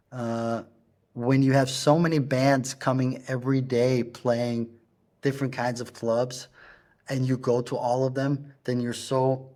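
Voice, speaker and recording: A middle-aged man speaks as an interview guest in a flat, even tone that barely rises or falls. His talk is halting and unpolished, full of pauses as he searches for the next word. Now and then he slips in a German word. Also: medium pitch. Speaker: guest, punk rock singer. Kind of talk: casual interview storytelling.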